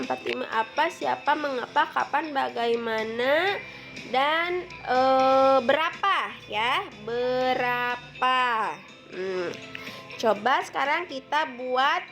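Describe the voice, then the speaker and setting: A woman's voice: high voice, a bit bright. A woman teacher giving a patient lesson to second graders, explaining step by step with frequent fillers.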